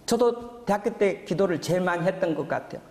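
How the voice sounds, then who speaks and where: A pastor in his sixties gives his testimony during a sermon, his voice sitting high with a darkish tone as he talks animatedly and fairly quickly. He begins earnestly and builds into fervent exhortation, all echoing through a reverberant church hall.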